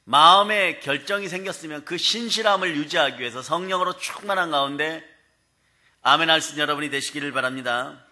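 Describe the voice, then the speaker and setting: A male pastor preaching a sermon in a humorous, lively way, often prompting the congregation to answer. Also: fairly high pitch, brisk. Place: prayer house sanctuary.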